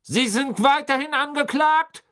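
A reader voicing a stern, hate-filled father who presides as a judge, barking his charges in a loud, clear voice in a dramatic audiobook reading. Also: high voice, a little slow, pitched above the performer's own voice. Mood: stern, furious.

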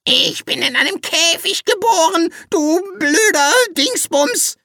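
A man reading an audiobook, voicing a rude, foul-mouthed caged parrot with a shrill, screeching voice. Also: lively intonation, slow pace, vocal fry, sharp tone, dry recording, clean studio sound, exaggerated voice. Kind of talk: audiobook character voice.

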